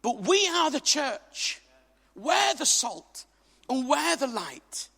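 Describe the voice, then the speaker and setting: A man's voice: very high-pitched, sing-song, takes it slowly, creaky, bright, forceful tone. A man from England preaching a sermon to a congregation, emphatic and jokey, with asides to the crowd. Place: church hall. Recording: reverberant hall.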